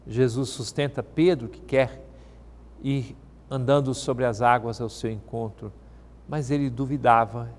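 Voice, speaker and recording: Man reading scripture in a reverberant hall. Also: mid-range voice. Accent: Brazilian Portuguese. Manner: measured, solemn reading with a devotional tone. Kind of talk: scripture reading and short homily.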